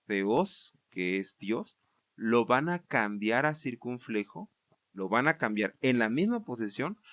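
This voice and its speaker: A man's voice: mid-range voice, highs cut off. Patient man teaching Greek grammar. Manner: patient and explanatory, with frequent checks like "¿vale?" and "¿no?"; repeats words and restarts while explaining. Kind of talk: recorded lecture.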